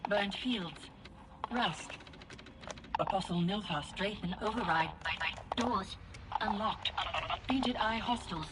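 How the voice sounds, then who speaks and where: Glitching broken robot construct. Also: female voice, mid-range voice, takes it slowly, pauses often, very noisy. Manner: clipped single-word machine announcements. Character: damaged female security construct, glitching and broken.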